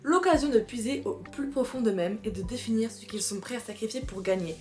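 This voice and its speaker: A woman presenting books in a casual vlog, chatty and excitable, laughing often and reading back-cover blurbs aloud. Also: on the high side, fairly quick, faint music behind. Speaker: booktuber. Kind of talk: casual book haul chat.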